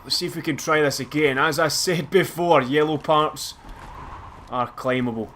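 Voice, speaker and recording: With a slightly high voice at normal speed, a Scottish man narrates his gameplay in a relaxed, talkative, self-deprecating way, punctuated by loud bursts of laughter. There's a bit of background noise.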